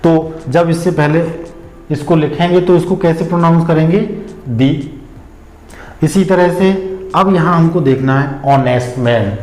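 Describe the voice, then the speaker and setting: A man teaching English pronunciation, patiently explaining step by step and repeating example words slowly. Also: a little high, a little mellow. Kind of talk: explanatory lesson. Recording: echoey room.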